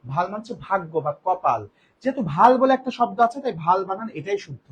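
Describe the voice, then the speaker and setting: Man, grammar teacher, very high husky voice, lively intonation, patient repeated examples. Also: dull audio. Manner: explains patiently, repeating example sentences slowly. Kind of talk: spelling lesson for exam preparation.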